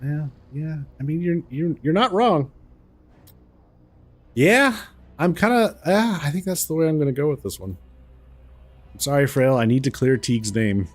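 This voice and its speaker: A man giving casual gameplay commentary, thinking aloud in a halting, amused way. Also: fairly high pitch, animated. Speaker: gamer, let's player.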